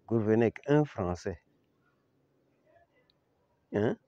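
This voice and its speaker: An older man with a Chadian accent giving an informal historical account, halting and searching for words, yet emphatic with the listener. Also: on the low side, expressive, mellow, no echo, muffled recording. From Chad. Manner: halting, with repeated words and long searching pauses. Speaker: eyewitness commentator on history.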